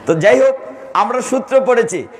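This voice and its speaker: A man's voice: very high-pitched, lively intonation, normal speed. A man giving a devotional sermon, telling stories, asking his listeners questions and acting out quoted lines. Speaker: preacher.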